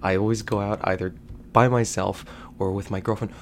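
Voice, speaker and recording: A man who has just woken up speaks softly and keeps his voice down, as if quiet at night, in a casual, unscripted podcast monologue. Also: lowish voice, fairly even intonation, brisk. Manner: hushed, soft speech, keeping voice down at night. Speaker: podcast host. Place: at home in a quiet early morning. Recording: clear background noise.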